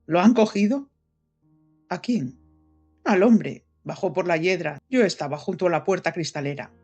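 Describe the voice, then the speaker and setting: A woman's voice: lowish voice, a little mellow, slightly rough, dull audio, soft background music. A woman voicing a young man who has just come round after a fight, hesitant but breezy. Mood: dazed. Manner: hesitant, then brisk and breezy. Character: shaken young man, dazed but cheerful.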